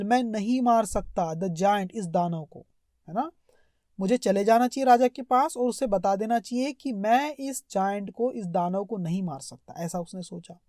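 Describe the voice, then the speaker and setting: A woman's voice: fairly high pitch, mellow, dry recording, clean studio sound. A woman teaching English. She reads a story in English and explains each phrase in Hindi, often asking questions back to her students.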